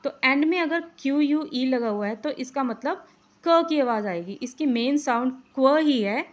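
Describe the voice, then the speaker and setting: A woman gives a slow English phonics lesson, speaking in a fairly high voice. She repeats letters and example words again and again, with frequent fillers. The recording sounds dull and lo-fi. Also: expressive. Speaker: English teacher. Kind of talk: spoken English lesson in Hindi.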